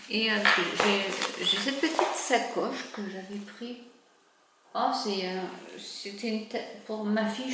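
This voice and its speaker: A middle-aged woman chatting casually in a vlog, hesitant and rambling, with many fillers and restarts. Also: mid-range voice. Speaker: vlogger. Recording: very echoey room, faint background noise.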